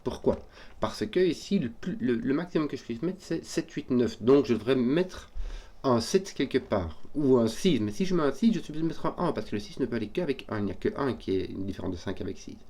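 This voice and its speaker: A man solving a number puzzle out loud, hesitant and often correcting himself as he works through it. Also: mid-range voice, animated. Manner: hesitant, self-correcting, halting. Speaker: puzzle solver. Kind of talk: thinking aloud while solving a puzzle.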